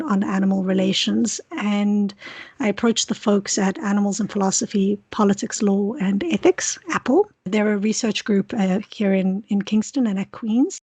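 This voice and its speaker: Mid-range, darkish and slightly rough, this South African woman's voice carries no room sound. A PhD student appearing as an interview guest, she talks thoughtfully and frankly, with many restarts, in a South African accent.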